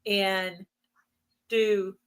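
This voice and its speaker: A woman's voice: mid-range voice, level tone, extremely slow, fairly bright tone, clean tone. A woman in casual, chatty, explanatory conversation, her voice giving out from allergies. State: losing her voice from allergies, throat clearing. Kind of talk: casual chat.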